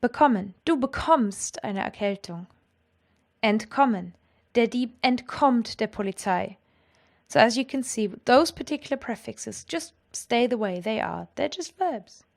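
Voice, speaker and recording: Clear, enthusiastic woman teaching German grammar. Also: fairly high pitch, expressive, unhurried. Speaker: language teacher. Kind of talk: explanatory lesson narration.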